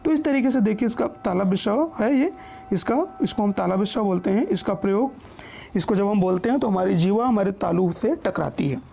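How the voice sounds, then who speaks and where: A man's voice: sits high, vocal fry, darkish tone. A man teaching an exam-prep grammar lesson, explaining step by step and reading out lists of example words. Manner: checks in often with the listener.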